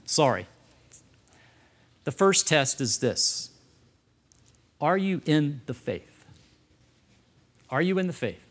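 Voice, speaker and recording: A man's voice: fairly high pitch, very animated, takes it slowly, pauses often. A middle-aged male pastor preaching a sermon to his congregation, emphatic and engaging them with questions and light humor. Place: church service before a congregation.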